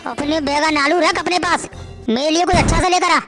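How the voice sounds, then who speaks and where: A woman's voice: sits high, fairly even intonation, a little fast, over music. A woman voicing a drunk, short-tempered young husband who scolds harshly. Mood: angry.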